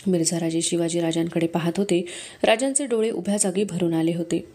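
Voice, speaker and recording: A woman reading a historical novel aloud in a steady, measured way. Her voice sits on the low side. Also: husky. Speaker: narrator.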